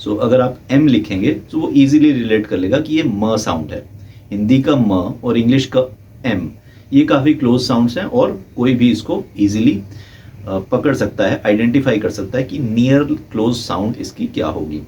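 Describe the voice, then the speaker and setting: A man's voice: mid-range voice, animated, moderate pace, dark tone. Guy explaining a language lesson step by step, slips in english terms, kinda muffled lo-fi audio. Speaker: language teacher. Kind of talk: lecture. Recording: dull lo-fi audio with faint hiss.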